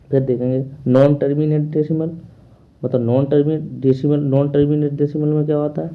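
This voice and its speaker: A man's voice: on the high side, narrow, tinny audio. A man teaching a math class online, asking questions and answering them himself in a repetitive drilling manner.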